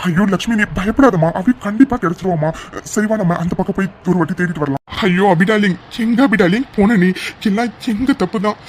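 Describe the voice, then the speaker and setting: A man's voice: high voice, a little fast, slight background noise, lightly acted. A man voicing a worried young man in a cartoon who pleads and keeps crying out in alarm. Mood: pleading. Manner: pleading, repeats "aiyo". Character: worried young man searching for his sweetheart. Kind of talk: cartoon dub dialogue.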